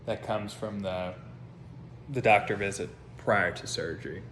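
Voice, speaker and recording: An American man recording a casual update as a patient just out of surgery, talking in a subdued, halting, hesitant way as he pieces things together. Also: on the low side, fairly bright tone. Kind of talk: casual personal vlog. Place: seated at home, talking to camera. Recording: noticeable background noise.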